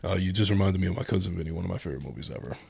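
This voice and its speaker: A man's voice: low-pitched, rapid-fire, vocal fry, crowd noise. A man hosting a podcast, talking bluntly and casually and swearing freely in a studio chat. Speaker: podcast host.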